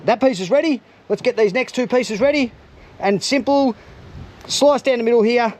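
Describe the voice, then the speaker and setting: High-pitched Australian man, upbeat vlogger. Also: normal speed, darkish tone. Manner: upbeat, chatty, addresses viewers as gang. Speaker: host of a fishing and cooking vlog. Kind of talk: casual outdoor vlog commentary.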